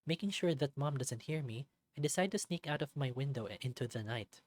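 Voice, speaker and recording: A man narrates a visual novel aloud in an expressive, dramatic storybook style. His voice is medium-pitched and fairly quick, with no echo.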